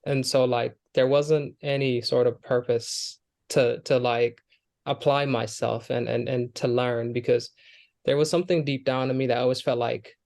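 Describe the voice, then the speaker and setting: A young man with a mid-range, darkish voice, some vocal fry and fairly even intonation talks at a moderate pace. A guest in the interview, he's an Air Force airman from Kenya with a Somali family, answering earnestly and conversationally with plenty of fillers and restarts.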